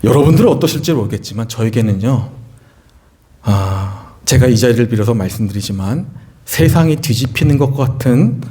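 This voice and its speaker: A man in his forties, a pastor, telling a personal family story in a sermon to his church, asking the congregation questions as he goes. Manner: earnest storytelling, rising pitch when excited, asks the congregation questions. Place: church sanctuary.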